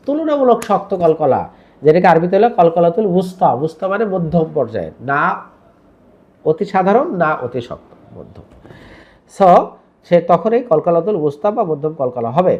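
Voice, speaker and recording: A man's voice: high voice, expressive, moderate pace, muffled recording. A man teaching Quran recitation rules, explaining step by step and repeating syllables for learners to copy. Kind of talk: tajweed lesson with recitation drills.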